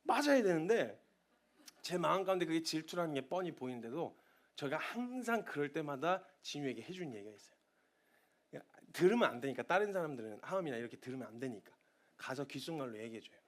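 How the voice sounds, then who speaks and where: A man in his thirties delivers a sermon in a church. His voice sits high and climbs and falls in wide sweeps. He often turns soft and confiding, then builds to loud, impassioned appeals. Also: sing-song, fast talker. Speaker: missionary preacher. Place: church sanctuary.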